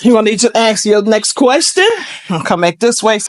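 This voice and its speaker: A woman's voice: fairly high pitch, animated. Laughing Detroit woman hosting a dating show. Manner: laughs often, quick casual questions. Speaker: game show host.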